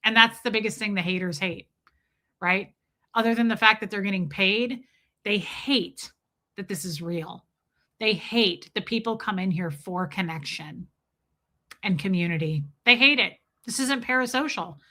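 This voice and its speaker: This woman hosts a livestream in a casual, chatty way, replying to viewers by name as she reads their comments and restarting often. Her accent is Southern, from near Nashville, and her mid-range voice sounds pushed and bright at normal speed.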